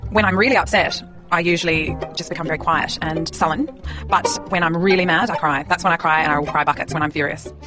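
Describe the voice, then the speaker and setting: A woman's voice: sits low, fairly even intonation, quick pace, over music. A woman candidly telling a personal story about crying, self-deprecating. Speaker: interviewee sharing a story. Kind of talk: personal anecdote.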